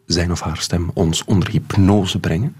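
A man with a Flemish accent hosting a radio talk show, playful and quick-witted. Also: deep voice, fairly even intonation, noisy background. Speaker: radio host. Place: radio studio.

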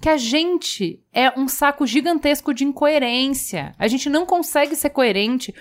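A woman's voice: high voice, unhurried. A woman co-hosting a talk show, speaking in an emphatic, direct casual chat.

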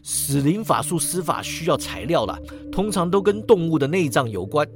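Guy telling a fantasy story, higher voice, super animated. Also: moderate pace, soft background music. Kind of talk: first-person fantasy story narration.

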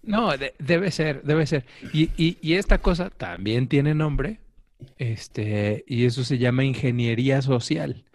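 A middle-aged Mexican man tells stories in a relaxed chat and slips into the people he quotes. His voice sits at a middle pitch. The sound is dry and close, with no room echo. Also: takes it slowly. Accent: Mexican Spanish. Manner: animated storyteller, acts out quoted voices. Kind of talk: casual chat.

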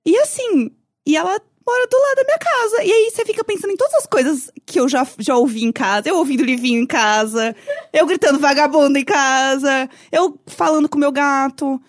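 A woman from Brazil in her thirties, co-hosting a podcast and telling stories with lively laughs and shrieks. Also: high-pitched, fairly quick, no room sound, studio quality. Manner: animated storytelling, shrieking laughs. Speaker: podcast co-host. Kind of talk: casual chat.

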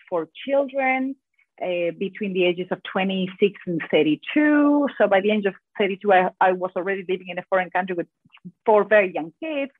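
A woman with a strong Argentine Spanish accent speaks quickly and animatedly as a podcast guest. Her voice comes through tinny and narrow, as if over a phone line, with no room sound at all. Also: medium pitch, dry recording. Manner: fast-talking, animated storyteller. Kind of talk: podcast interview.

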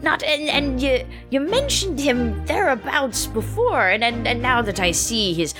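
A woman joking her way through a tabletop game, her voice swinging high and low as she talks. She laughs often and tosses in pirate slang. Music plays clearly behind her. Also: a little slow. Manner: lively, laughing, slips into pirate talk. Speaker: player. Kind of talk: tabletop role-play banter.

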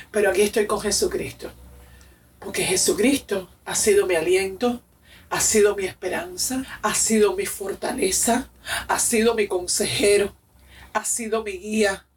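A woman's voice: medium pitch, far from the mic. A woman in her forties from Cuba, with a Cuban accent, giving a personal faith testimony in a fervent, emotional way and repeating phrases for emphasis. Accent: Cuban Spanish. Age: 40s. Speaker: church member giving testimony.

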